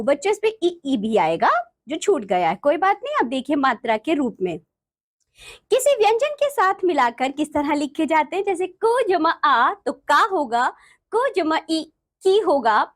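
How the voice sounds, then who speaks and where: A woman teaching a grammar lesson to children, slowly spelling out letters and speaking to them directly. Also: high voice. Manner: slow, deliberate spelling-out of letters.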